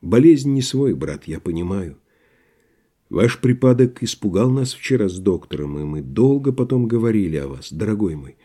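A man voicing a soft-hearted older male postmaster who pleads with a friend in a gentle, tearful half-whisper. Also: lowish voice, lively intonation, moderate pace. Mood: coaxing. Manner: soft, coaxing half-whisper with sudden gruff barks.

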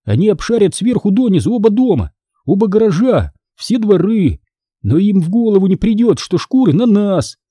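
An eager young girl with a high, lively, excitable voice , as a male audiobook reader puts her on. She talks in a quick, breathless rush, full of bright ideas, with a dark, husky grain beneath the lift. Close and dry on the microphone. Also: no echo, full character voice. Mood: excited. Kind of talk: audiobook character voice.

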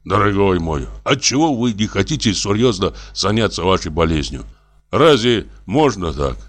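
A man's voice: fairly low pitch, sing-song, moderate pace. A man reading a hearty, fussy elderly male postmaster who speaks in a familiar, wheedling way. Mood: tender.

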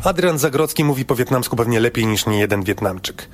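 A man telling a scripted radio travel report in a lively, playful storytelling way. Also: medium pitch, quick pace.

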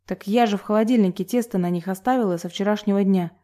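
A woman reading an audiobook, voicing a calm, dry-witted young woman who speaks in a level tone. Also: medium pitch, fast talker, lightly acted.

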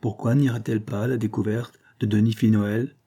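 A man narrating a classic novel as an audiobook in a steady, even storytelling delivery. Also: fairly low pitch, a little fast, breathy edge.

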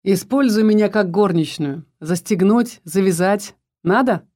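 Woman reading as a young husband, teasing, protective, persistent questions, mellow tone, storybook. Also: medium pitch, measured pace, lightly acted.

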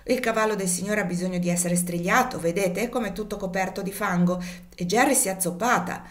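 In a storybook reading, a woman gives a sly young manservant a raised, high voice, making him mock-humble, gleeful, and pleading. Her own delivery is steady, brisk, and natural.

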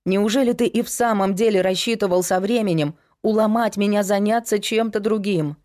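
A woman's voice: mid-range voice, a little fast, a little mellow, natural voice. A woman voicing a young woman, a frank and resolute investigator, in an audiobook. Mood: firm.

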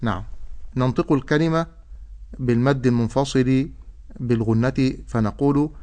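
A man teaching Quran recitation, explaining rules and then reciting example words slowly and drawn out. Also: medium pitch, darkish tone. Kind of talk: tajweed lesson with recited examples.

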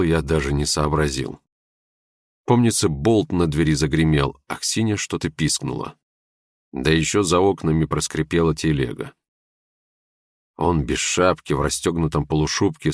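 A man narrating literary prose in a measured, expressive reading. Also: a bass voice, no room sound, clean studio sound. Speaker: audiobook narrator.

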